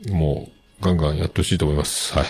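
A man's voice: a bass voice, steady tone, racing, darkish tone, husky, dry recording. A middle-aged man hosting a podcast, chatting casually and rambling with many fillers as he reads listener mail. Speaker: podcast host.

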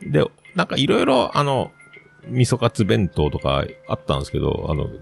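低くしゃがれた声の男性ポッドキャスター. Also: male voice, lowish voice, wildly swooping pitch, moderate pace, creaky, a little hiss or hum. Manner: rambling, self-amused anecdote with many fillers. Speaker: podcast host. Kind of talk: casual storytelling monologue.

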